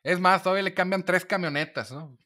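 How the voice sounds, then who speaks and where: A man's voice: sits high, brisk, pushed and bright. A Mexican man, a lawyer, explaining a legal point in a casual monologue video and acting out quoted dialogue as he goes.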